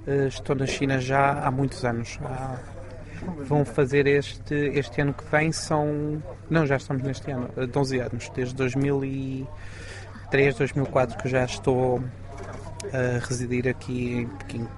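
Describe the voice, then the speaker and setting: A man's voice: mid-range voice, little pitch movement, a little slow, a crowd in the background. A man with a European Portuguese accent, talking in a casual interview, hesitant with many fillers. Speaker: interviewee, architect.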